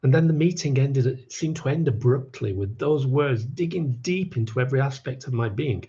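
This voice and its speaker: A man telling a personal story in a warm, mellow voice, now and then turning wry and poking fun at himself. His voice sits in the middle range. The recording sounds slightly dull and lo-fi. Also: mid-range voice, lively intonation, normal speed. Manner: wry, self-mocking asides.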